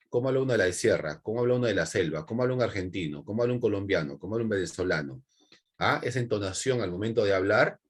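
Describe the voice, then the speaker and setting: A man with a Peruvian accent teaching an online class, repeating key points and checking in with quick tags. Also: fairly low pitch, breathy edge. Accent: Peruvian Spanish. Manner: repetitive, with frequent check-in tags.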